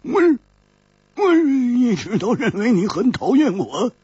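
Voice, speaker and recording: Brief: man doing a carefree drinking swordsman, husky and halting, dull lo-fi audiobook sound. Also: very high-pitched, big pitch swings, a little mellow, no echo, pitched above the performer's own voice, heavily acted. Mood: gentle. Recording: dull lo-fi recording.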